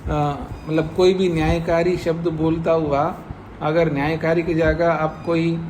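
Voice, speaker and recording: A man teaching a classroom lecture on scripture, explaining slowly, repeating phrases and dictating meanings for students to write down. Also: fairly high pitch, little pitch movement, darkish tone, slight background noise. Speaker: Vedic philosophy teacher.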